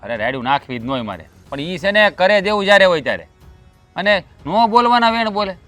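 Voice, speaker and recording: An actor playing a short-tempered, defensive elder brother and farmer, speaking with a Kathiawadi Gujarati accent. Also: male voice, high-pitched, very animated, sharp tone, no room sound, faint music behind, heavily acted. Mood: justifying. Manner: defensive and quick to snap. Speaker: elder brother in a land feud. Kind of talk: rural family drama acting.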